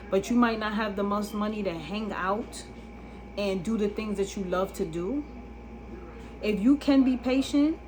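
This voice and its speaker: A woman's voice: mid-range voice, darkish tone, a little hiss or hum, poor audio. A woman vlogging a casual monologue to camera, blunt and emphatic, often asking if you understand. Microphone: phone camera.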